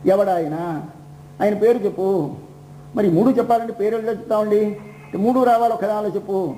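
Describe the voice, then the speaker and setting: A man delivers a devotional discourse in a high, mellow voice. He poses questions and answers them himself, slowing to chant verses. The recording is roomy and echoey, with a faint hum behind him. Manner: asks and answers his own questions. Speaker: religious discourse speaker.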